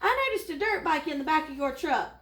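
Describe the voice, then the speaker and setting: A woman's voice: far from the mic, lightly acted. A woman doing a frantic, panicky gazelle. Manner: pleading, rushed and high-strung. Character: nervous frantic gazelle, slowest of its herd. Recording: roomy echo.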